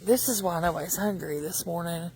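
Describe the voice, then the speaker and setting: A woman chatting casually for a homestead vlog outdoors, halting and thinking aloud as she works. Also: on the low side, darkish tone, rough recording. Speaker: homestead vlogger and mother. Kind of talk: casual farm vlog chat. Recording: outdoor farm noise behind voice.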